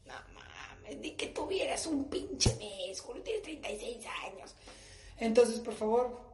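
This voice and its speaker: A woman's voice: fairly high pitch, very animated, unhurried, mellow. A woman doing a brash, profane comedic monologue for a live stream, recorded in an echoey bathroom at home. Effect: echoey bathroom acoustics.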